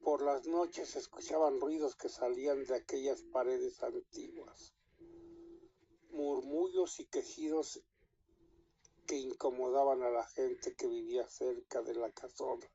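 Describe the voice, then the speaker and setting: Mexican male storyteller, dark and even delivery, unhurried with small restarts, faint hiss behind a dull lo-fi recording. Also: medium pitch. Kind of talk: telling a scary story.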